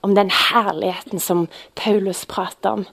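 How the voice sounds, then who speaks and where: A woman's voice: medium pitch, fairly even intonation, vocal fry, a bit bright. Woman preacher, earnest storyteller, mid-range voice, some hesitations. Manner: earnest, storytelling, frequent filler sounds. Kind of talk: sermon with personal testimony.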